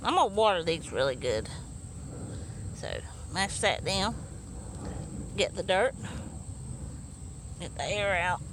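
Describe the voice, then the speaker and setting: A woman's voice: on the low side, animated, slow, pauses often. A woman talking casually while working in her backyard garden, chatty and rambling with lots of fillers and restarts, out of breath from hours of yard work. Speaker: home gardener. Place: backyard garden bed, outdoors. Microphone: phone or camera held while working. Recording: faint outdoor noise.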